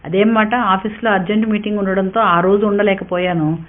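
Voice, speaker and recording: A woman's voice: medium pitch, fairly even intonation, brisk, lightly acted. A woman voicing a proud young working wife who argues in a heated, defiant way. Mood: angry. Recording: tinny narrow-band sound.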